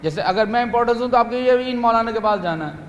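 A man preaching to a gathering, animated, acting out little scenes and asking the audience questions, rising loud and dropping soft. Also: very high voice, muffled recording. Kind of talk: religious talk to young people at a retreat. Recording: echoey hall with faint room noise.

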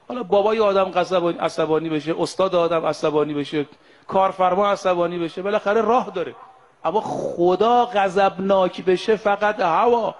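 A male preacher giving a sermon to pilgrims, slowing to chant Arabic quotations and then explaining them in plain speech while addressing the brothers and sisters before him. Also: high-pitched.

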